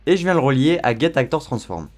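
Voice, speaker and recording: A man walking viewers through a software tutorial in a relaxed, chatty way, with frequent fillers. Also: medium pitch, fast, soft background music. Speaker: tutorial host. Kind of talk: screen-recorded software tutorial.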